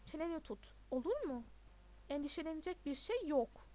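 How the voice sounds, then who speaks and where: A woman's voice: sits high, big pitch swings, normal speed, warm tone. A woman reading a storybook, voicing a bold, swaggering teenage schoolboy. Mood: cocky.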